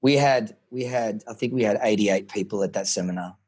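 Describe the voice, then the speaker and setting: Excitable Australian man, husky voice. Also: fairly low pitch, a little fast. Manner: excitable, swears, animated storytelling. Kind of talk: casual podcast conversation.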